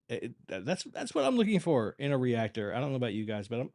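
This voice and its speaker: A man's voice: mid-range voice, darkish tone. Casual, rambling man hosting a livestream. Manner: halting, rambling, conversational. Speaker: live-streaming reaction channel host. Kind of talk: casual unscripted livestream chat.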